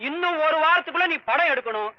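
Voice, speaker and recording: An actor playing a brisk, demanding father who pushes for his actress daughter in a 1960s film comedy. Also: very high-pitched, lively intonation, dry recording. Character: pushy, protective older father of an aspiring actress. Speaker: heroine's father. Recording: dry lo-fi old film soundtrack.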